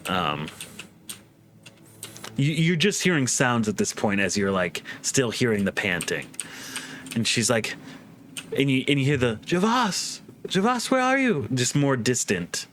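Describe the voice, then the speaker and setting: A man running a tabletop game as game master, narrating in a halting way with restarts and fillers. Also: medium pitch, sing-song, fairly bright tone, slight background noise.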